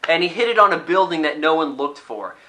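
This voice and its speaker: A man's voice: on the high side, expressive, brisk, bright, forceful tone. A man giving a casual spoken movie review, rambling and critical, often restarting his sentences. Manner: rambling and critical, with frequent restarts and mock quotes.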